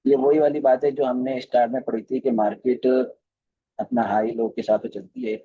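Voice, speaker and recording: A man's voice: mid-range voice, mellow, highs cut off, a little hiss or hum. A man teaching a recorded live class on chart reading, speaking with a flavour and often repeating phrases and putting questions to his students. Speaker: trading course teacher.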